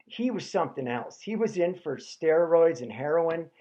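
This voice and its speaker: Wry, deadpan male storyteller. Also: a little high, moderate pace, muffled recording. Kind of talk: comic personal storytelling.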